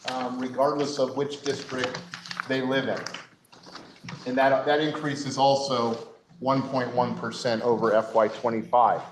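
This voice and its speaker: A man who serves as a state senator, giving a formal committee report on the floor in a measured, explanatory way with occasional fillers. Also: medium pitch. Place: legislative chamber. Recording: echoey chamber, noisy.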